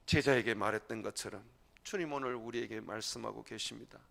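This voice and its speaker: A man preaching a sermon as pastor, emphatic, with sudden loud, high bursts. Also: brisk, gravelly.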